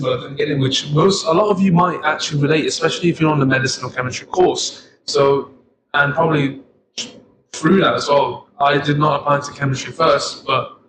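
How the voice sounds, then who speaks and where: A man's voice: a little high, background noise. A young man from Sri Lanka, a chemistry student co-hosting a podcast, talking casually and rambling with frequent laughs. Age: young adult. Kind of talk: casual chat.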